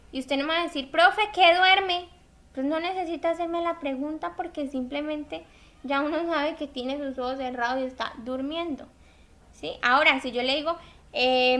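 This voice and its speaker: A woman's voice: high voice, bright, forceful tone. A woman teaching a grammar lesson, patiently explaining with everyday examples and checking in with her students. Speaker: Spanish teacher.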